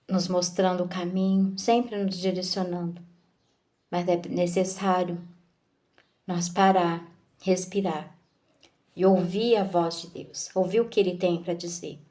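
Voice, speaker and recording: Woman, devotional speaker, unhurried, measured phrasing, rhetorical questions. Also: mid-range voice, a little mellow. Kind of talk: slow devotional teaching.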